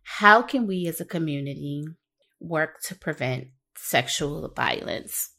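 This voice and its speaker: A woman hosting a podcast, interviewing in a measured, affirming way, and she is a parent. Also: sits low, lively intonation, gravelly, sharp tone. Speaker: podcast host. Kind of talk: interviewing, casual talk.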